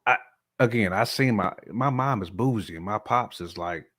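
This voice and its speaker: A man with a lowish, slightly bright voice talks at normal speed as a podcast guest. He chats casually about his personal views in a colloquial, slangy way, often using check-in phrases.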